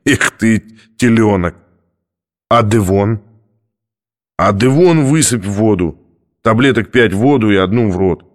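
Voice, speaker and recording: A man's voice: on the low side, close to an everyday voice. A man voicing a desperate, snappish addict. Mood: explaining. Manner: snapping, pleading, muttering.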